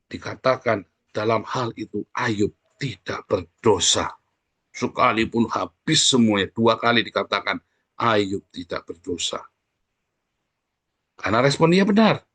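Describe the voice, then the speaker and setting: A man's voice: lowish voice, animated, no room sound. Man preaching in a chatty sermon. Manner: conversational preaching, often addresses listeners directly; sings short worship lines softly and slowly. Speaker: pastor.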